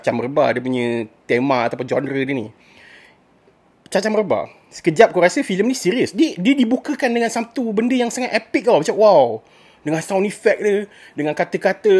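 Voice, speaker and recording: A woman's voice: lowish voice, a little mellow, husky. A woman with a Malaysian accent giving a casual spoken movie review, ranting in exasperation and mixing in English phrases.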